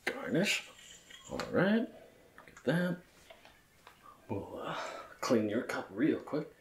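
With a voice on the low side, this ASMR gamer takes on a bartender role, offering courteous, attentive service-style chatter as he comments on the game. The room is echoey and there's slight background noise.

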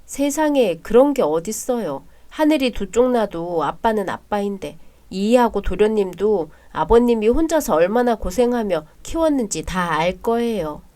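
A woman voicing a polite, caring young bride-to-be who speaks softly and also narrates. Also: mid-range voice, animated, moderate pace, hardly any pauses, natural voice. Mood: gentle. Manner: polite and soft-spoken.

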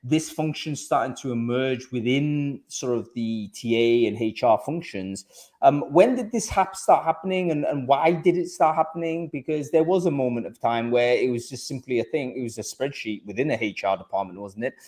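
A man's voice: mid-range voice, normal speed, a little mellow. A man hosting a live video-call panel, friendly and chatty, with frequent restarts and fillers, speaking into a headset from a home office. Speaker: host. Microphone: over-ear headset on a video call.

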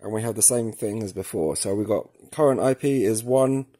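Seated at a work table indoors, this tutorial presenter films his hands and a device as he walks through a product demo step by step. He talks at normal speed in a fairly low, warm voice, musing informally as he goes.

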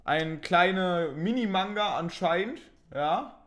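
A man's voice: high voice, lively intonation, slow, a bit bright. Chatty young man unboxing cards. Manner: chatty, thinks aloud, mildly self-mocking. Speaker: unboxing video host. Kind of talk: casual unboxing commentary.

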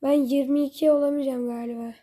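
Excitable high-voiced woman gaming. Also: fast. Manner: excitable, exasperated outbursts, talks to viewers. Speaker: gaming channel host. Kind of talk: casual gameplay commentary.

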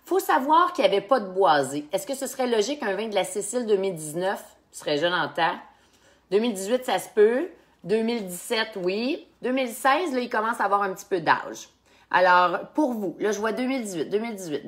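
A woman's voice: mid-range voice, fairly quick. Chatty Québécois woman sommelier. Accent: Québécois French. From Quebec. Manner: chatty and animated, with frequent fillers and asides to viewers. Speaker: sommelier hosting a wine quiz game. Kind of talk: casual live-stream chat.

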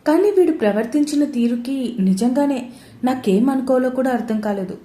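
A woman's voice: high-pitched, expressive, moderate pace, dark tone, roomy sound, voice pushed up. A woman reading the part of a caring elder brother in a spoken romance story. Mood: gentle.

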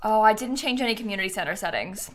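With game music behind her, a giggly young woman talks fast and animatedly to her stream audience, her medium-pitched voice close on the mic. She's the host, casually poking fun at herself from a small room in her home.

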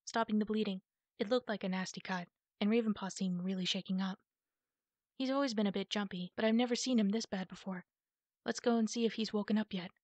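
A woman's voice: mid-range voice, fairly quick, darkish tone, no echo, lightly acted. A woman voicing a friendly, chatty young male apprentice cat in a storybook reading.

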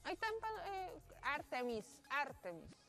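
A woman's voice: high-pitched, sing-song, a little slow, bright, forceful tone, soft background music. A young Chilean woman hosting a casual gaming stream, chatty and playful, exclaiming and laughing as she plays and reads the chat. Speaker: streamer host.

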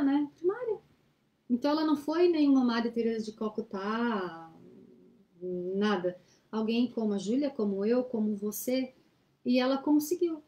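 Woman, study-group presenter; earnest, exhorting, fairly high and warm, laptop webcam in a small room. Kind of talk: reflective teaching talk. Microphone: laptop webcam on a video call.

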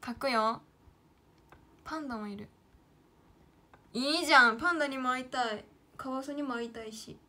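On a livestream, a Kyoto idol streamer in her late teens draws while chatting casually to herself and her viewers, calling herself by name. Her voice sits on the high side, bright and forceful, with a Kyoto Kansai accent.

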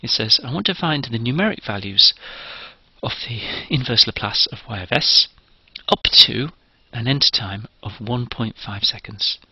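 A man's voice: medium pitch, expressive, a little slow, breathy edge, no echo, muffled recording. A man giving a recorded engineering lecture, explaining each step methodically.

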